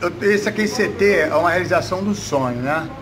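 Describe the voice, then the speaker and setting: A man's voice: on the high side, lively intonation, fast talker. A Brazilian man in his fifties, a coach giving casual interview answers in a gym with noise behind him. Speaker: jiu-jitsu coach. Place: indoors, gym room. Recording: noticeable background noise.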